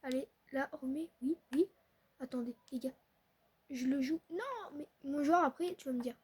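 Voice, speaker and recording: A young woman chatting excitably to her viewers while playing a football video game. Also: sits high, normal speed. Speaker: gaming streamer. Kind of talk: casual live commentary on a football video game.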